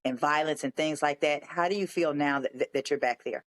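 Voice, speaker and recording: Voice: medium pitch, fairly quick. A podcast host leading an interview, encouraging the guest and echoing short agreements. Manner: affirming, repeats short agreements. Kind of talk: interview hosting.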